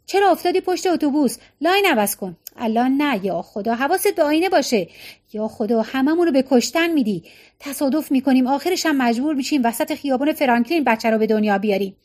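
Woman reading a jumpy young husband, nagging at every move, highish voice. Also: lively intonation, darkish tone. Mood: panicky. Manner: nagging, panicky. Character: anxious fussing young husband.

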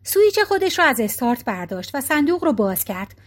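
High-voiced woman narrating an audiobook. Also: very animated.

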